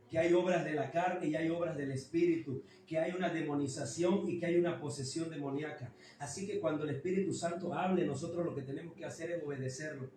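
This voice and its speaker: A man preaching a fiery Pentecostal sermon, emphatic and repetitive, rising to sudden high stresses. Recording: echoey church hall, mic far off. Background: worship music.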